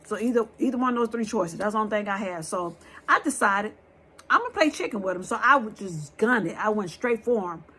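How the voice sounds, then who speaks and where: A woman telling a scary true story to her viewers in a lively, blunt way, talking straight to them and swearing freely. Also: mid-range voice, a little fast, slightly rough.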